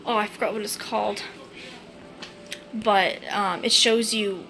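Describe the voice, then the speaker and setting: A woman's voice: medium pitch, steady tone, unhurried, fairly bright tone, slight background noise. Rambling, chatty young woman streaming live. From New England. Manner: rambling, chatty, with many fillers and swearing outbursts. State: tired. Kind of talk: casual live-stream chat.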